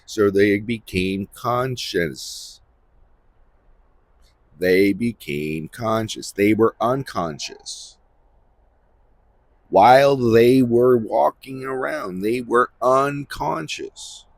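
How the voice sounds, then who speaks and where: Hosting a Bible-reading series, this man gives informal commentary in a medium-pitched, gravelly voice with no room sound. His speech is halting and repetitive, and he frequently checks whether listeners agree.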